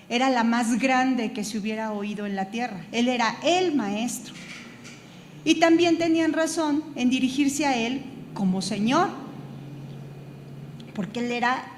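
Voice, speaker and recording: Female Bible teacher, slightly high voice, hesitant delivery with many restarts, long reverb and faint room noise. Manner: halting, repeats words while searching for them; spells out terms letter by letter. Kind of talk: Bible study lecture. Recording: echoey hall with room noise.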